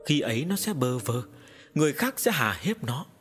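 A man putting on a grieving older village mother in a storybook tale, earnest and tearful, lively pitch, faint music behind. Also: normal speed.

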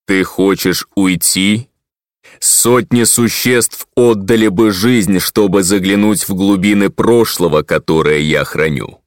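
A man voicing an ancient guardian pillar with a booming, metallic voice, speaking slowly and solemnly. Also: no room sound, studio quality. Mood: questioning. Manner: slow, solemn, imposing. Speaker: audiobook narrator. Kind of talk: audiobook reading.

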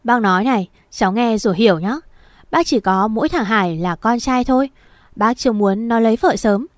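A woman voicing a sharp-tongued middle-aged mother who scolds harshly and loudly. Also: a little high, fairly quick, dry recording, clean studio sound, close to an everyday voice. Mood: threatening.

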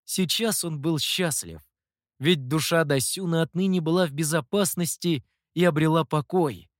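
Expressive male audiobook narrator, dry close sound. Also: fairly high pitch, moderate pace, dry recording. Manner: expressive, storytelling. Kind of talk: scripted narration.

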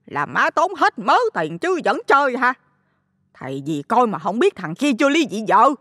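A sharp-tongued middle-aged mother, played by a man in a storybook reading, her voice raised high and swinging lively as she scolds. Her words ring out with a long tail of reverb. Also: normal speed. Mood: indignant. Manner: scolding, shrill. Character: loud-mouthed, hot-tempered middle-aged mother.

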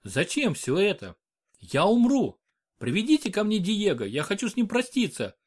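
A man voicing a frightened young noblewoman in labour, pleading in high, sobbing tones. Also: huge pitch swings, normal speed, exaggerated voice. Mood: tearful pleading.

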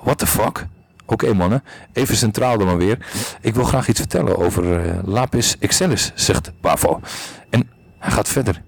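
A man reads a podcast story aloud at normal speed in a creaky voice, making small slips and restarts and jumping higher in pitch for the characters' quoted lines. There's no echo, with faint music behind him.

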